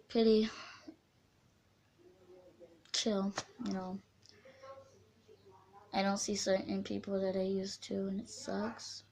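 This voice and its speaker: A woman's voice: mid-range voice, a little hiss or hum. A young woman from central California, chatting casually as a vlogger in a storytime video. She rambles and keeps interrupting herself.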